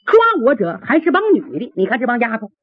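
Woman storyteller doing a low gruff young warrior, defiant, husky, phone-like sound. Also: sing-song, fast, dry recording. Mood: grumbling. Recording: dry, tinny phone-like sound.

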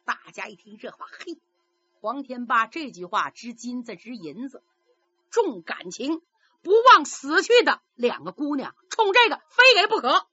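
A woman telling a traditional story in a lively, dramatic manner. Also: sits high, unhurried, slightly rough, dry recording, lo-fi sound, faint music behind. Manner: lively, dramatic narration with many voices.

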